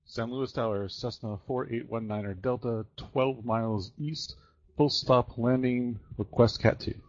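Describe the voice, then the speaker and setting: Mellow male pilot on muffled radio. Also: mid-range voice, fairly even intonation, a little slow. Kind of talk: short radio position reports. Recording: dull lo-fi radio audio.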